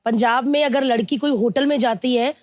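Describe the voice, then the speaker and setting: A woman in her thirties from India, telling her life story in an interview, slowly and earnestly, mixing English words into her talk. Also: on the high side, fairly even intonation, noisy background. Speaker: interview guest.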